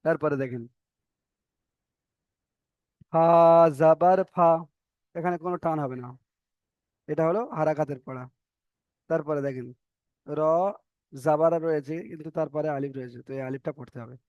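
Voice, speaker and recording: A man teaching a recorded class on reading the Quran, spelling out letters one by one and stretching vowel sounds slowly, patient and repetitive as he checks that students follow. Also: a little high, steady tone, no room sound, muffled recording. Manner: patient, repeats each example and checks understanding.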